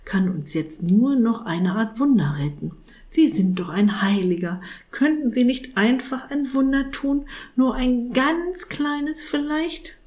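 A woman's voice: high-pitched, expressive, a little slow, hardly any pauses, a little mellow, pitched above the performer's own voice. A woman voicing a small, eager male tomcat who speaks earnestly and politely pleads for help. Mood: pleading.

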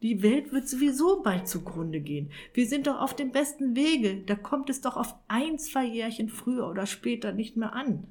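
Woman putting on a panicky old warlock man, high pleading whine, audiobook figure. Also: expressive, unhurried, darkish tone, natural voice. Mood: shrill desperate. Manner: shrill, pleading, rising to cries. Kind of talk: audiobook character voice.

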